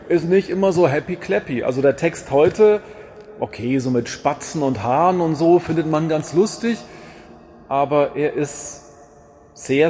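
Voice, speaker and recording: A man preaching a sermon in a lively, rhetorical manner, with wry asides and repeated refrains. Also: on the high side, slight background noise.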